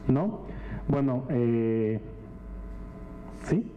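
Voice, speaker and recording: A man's voice: mid-range voice, animated, drawn-out words, slight background noise. A man moderating a panel, polite and a little self-deprecating. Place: legislative hall forum. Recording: dull lo-fi sound with faint room ambience.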